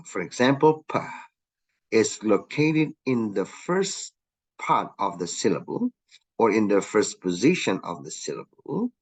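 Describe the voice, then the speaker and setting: Slow, husky-voiced male lecturer. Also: fairly low pitch. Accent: Indonesian. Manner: repeats "okay" often, lively rising emphasis on example sounds. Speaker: linguistics lecturer. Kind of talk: recorded lecture explaining slides.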